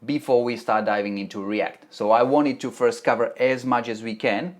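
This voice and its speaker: This Czech man speaks with a Czech accent at medium pitch, keeping a steady tone and moderate pace. He runs a live stream from his Melbourne home office, answering chat questions on web development tutorials in a chatty way, reading messages aloud and frequently starting sentences over.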